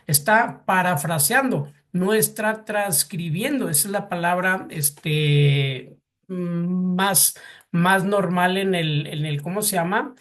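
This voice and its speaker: A man's voice: sits high, takes it slowly, a bit bright. A man with a Mexican Spanish accent teaching a class, hesitant, with many fillers and repeated words, asking the students questions. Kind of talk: classroom lecture.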